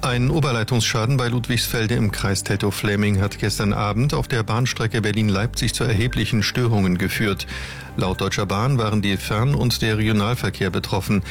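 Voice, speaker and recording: Low-voiced male newsreader. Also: fairly even intonation, soft background music. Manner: measured, formal. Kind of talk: scripted news reading.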